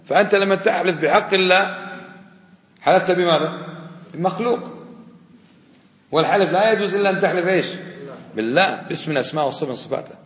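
A man's voice: quick pace, long pauses, a bit bright. A man teaching a religious lesson, quizzing his students and repeating his questions. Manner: quizzing, repeats questions, drops to low asides. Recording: echoey hall.

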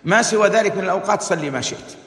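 Guy preaching a lesson, high voice, big roomy hall with long reverb. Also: racing, fairly bright tone. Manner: repeats texts, then explains with rhetorical questions. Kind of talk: religious lesson.

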